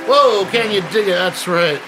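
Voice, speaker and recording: A man's voice: sits high, moderate pace, loud music behind the voice, rough recording. A man hosting a radio show, opening with exuberant, hammy jive-talking hipster patter.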